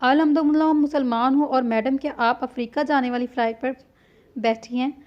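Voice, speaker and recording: A woman voicing a calm young man from a storybook who talks in a cool, dryly mocking way. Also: high voice, brisk, dull audio, lightly acted.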